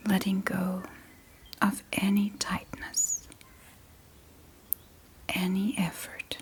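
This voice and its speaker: Short, gentle phrases drift out in a breathy ASMR whisper as a woman guides a sleep meditation, pausing at length between each one. She speaks at a medium pitch in a soothing monotone.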